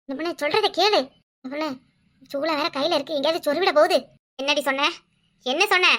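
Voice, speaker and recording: Woman doing a shrill bossy village woman. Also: fast, sharp tone. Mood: possessed, commanding. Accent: Kanyakumari Tamil. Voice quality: shrill, scolding. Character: bossy devout village woman, quick-tempered. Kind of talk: village cartoon comedy.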